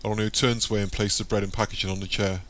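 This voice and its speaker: A man reading an audiobook, telling the story in a plain, steady way. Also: fairly low pitch, rapid-fire. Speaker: audiobook narrator. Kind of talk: scripted narration.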